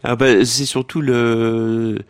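A male author guest on a live radio show, speaking in halting, hesitant phrases. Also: medium pitch, flat delivery, clean tone. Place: live public broadcast in a hotel.

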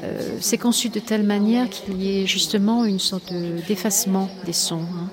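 A woman's voice: mid-range voice, fairly even intonation, normal speed, a crowd in the background. A woman speaking reflectively in an interview, searching for words and repeating phrases for emphasis. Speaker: interviewed poet and flight attendant. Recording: clear ambient noise behind voice.

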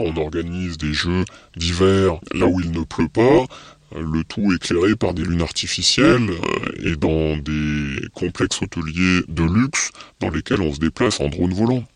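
A man's voice: low voice, a little slow, no room sound. An anonymous man speaking through a voice changer that disguises his voice, critical and indignant in a news interview clip.

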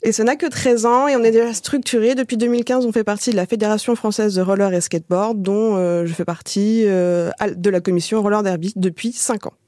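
Woman explaining clearly in a dry studio. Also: medium pitch, steady tone, fairly quick, few pauses, warm tone, dry recording. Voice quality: explanatory, many fillers. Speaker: association president, guest. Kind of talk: radio interview. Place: radio studio.

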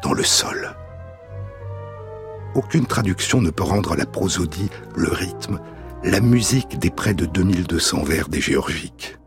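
A man hosting a radio program, reading a scripted essay in a measured, deliberate way. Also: sits low, expressive, over music. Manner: measured, deliberate reading, tapping out verse rhythms in syllables. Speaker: radio host.

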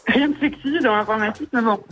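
A woman's voice: fairly high pitch, quick pace, a bit bright. A woman calling in to a radio show, cheerful and friendly as she chats with the hosts. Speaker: radio caller. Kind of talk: casual chat with hosts.

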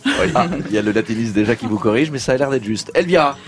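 A man's voice: medium pitch, lively intonation, fast talker, soft background music. A man hosting a radio food show, chatting eagerly with his guests and laughing often. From France. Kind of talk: lively radio chat. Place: radio studio.

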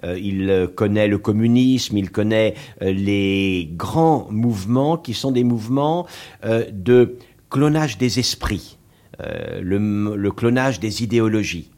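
A man's voice: medium pitch, darkish tone. A man speaking as a radio guest who explains ideas thoughtfully, with frequent hesitations. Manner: thoughtful, hesitant, many pauses. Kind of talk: radio discussion.

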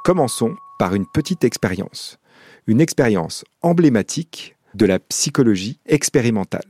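A man, a psychology professor, giving a calm, measured scripted educational narration. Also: medium pitch, breathy edge.

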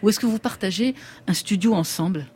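A woman's voice: medium pitch, fairly quick, warm tone, slightly rough. A woman hosting a conversational radio interview from a studio. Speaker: radio host.

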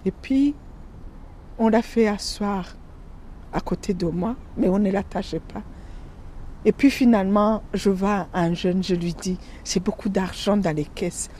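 Woman from Burundi, halting emotional testimony. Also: mid-range voice, dark tone, a little hiss or hum. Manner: halting, emotional retelling with broken restarts. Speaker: interview guest. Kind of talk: radio testimony.

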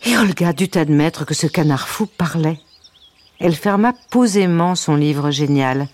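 A woman storyteller reading a children's story aloud, with a gentle, wry narration and playful asides. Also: low voice, expressive, unhurried.

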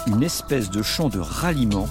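A man's voice: lowish voice, animated, moderate pace, over loud music. A man narrating a scripted nature documentary in a vivid, dramatic storytelling manner.

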